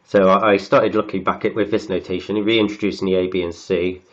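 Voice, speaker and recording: A maths tutor with a very low voice and a cold, croaky and sniffly, talks briskly and in a level tone through textbook equations. He thinks aloud as he writes, pausing and repeating words. The recording is dull and lo-fi.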